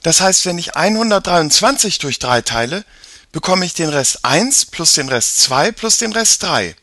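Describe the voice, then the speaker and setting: A man voicing Mia, a clever, excitable young girl who eagerly points things out. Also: fairly high pitch, moderate pace, no room sound, clean studio sound, pitched above the performer's own voice, heavily acted.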